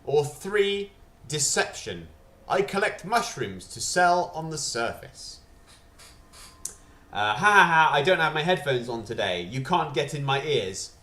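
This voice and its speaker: A male streamer talks in a chatty, jokey way on a gaming livestream, his bright voice set slightly high. He takes his time with each line. His desk microphone picks up a roomy echo. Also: sing-song, a little slow. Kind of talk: casual livestream commentary.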